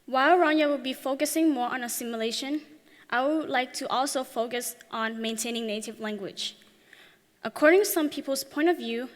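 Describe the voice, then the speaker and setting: A teenage girl from Thailand giving an earnest, prepared talk on stage, her phrasing a little halting. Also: on the high side, in a large hall. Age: teens. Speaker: youth speaker. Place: large hall.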